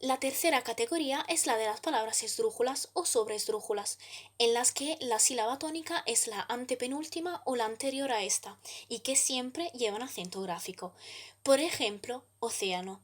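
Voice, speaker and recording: Higher-pitched woman reading a grammar lesson. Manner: measured reading, slowing down to spell out examples. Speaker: student presenter. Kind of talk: scripted grammar explanation.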